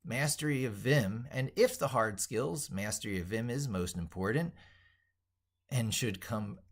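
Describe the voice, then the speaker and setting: Medium in pitch and animated, this man keeps a measured pace. As a tech educator presenting an opinionated monologue, he speaks with emphatic declarations, repeating and reworking his wording as he composes it out loud.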